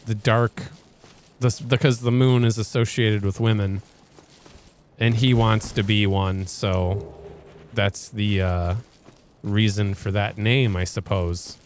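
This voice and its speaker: Slow, rambling man playing a video game. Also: fairly low pitch, little pitch movement, a little hiss or hum. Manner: rambling, hesitant, often trails off and restarts. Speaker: let's play host. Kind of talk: casual gameplay commentary.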